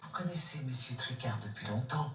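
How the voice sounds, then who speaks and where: A man's voice: mid-range voice, expressive, a little fast, echoey room, recorded from a distance, over loud music, close to an everyday voice. An actor playing a jealous man who questions a woman with insinuating remarks, in a TV film. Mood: needling. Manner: insinuating, needling.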